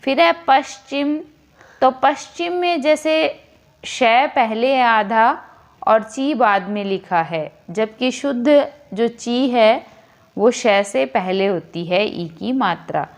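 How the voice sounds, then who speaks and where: A woman teacher explaining a grammar lesson slowly and deliberately, repeating each word as she corrects it. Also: fairly high pitch.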